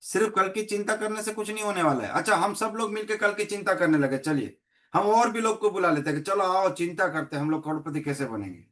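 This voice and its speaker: Middle-aged man with a Gujarati accent, trainer type; motivational talk, storytelling, slightly high voice. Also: expressive, quick pace, fairly bright tone. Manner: storytelling, acts out dialogues in many voices. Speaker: network marketing trainer. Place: meeting hall.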